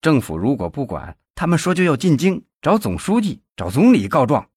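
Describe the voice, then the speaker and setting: A man's voice: mid-range voice, big pitch swings, normal speed, creaky, a little hiss or hum, voice pushed up. A man voicing a panicky, whining young male nephew in an audiobook, talking breathlessly and in a rush. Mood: panicked.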